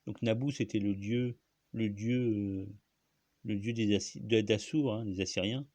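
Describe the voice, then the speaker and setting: A man with a fairly low voice talks alone about where words come from. He hesitates and restarts often and stops to cough. The sound is dry and close, with little room echo. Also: fairly even intonation, a little slow, darkish tone. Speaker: host. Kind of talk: rambling solo talk on language.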